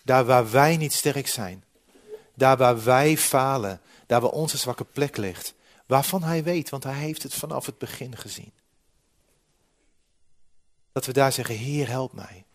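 A man preaching a sermon with slides, lively and humorous, often dropping from loud to quiet. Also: mid-range voice, measured pace, long pauses. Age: 40s.

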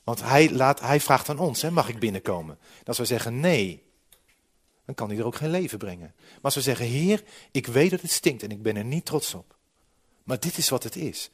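A man preaching a sermon with slides, lively and humorous, often dropping from loud to quiet. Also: medium pitch, moderate pace, slightly rough. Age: 40s.

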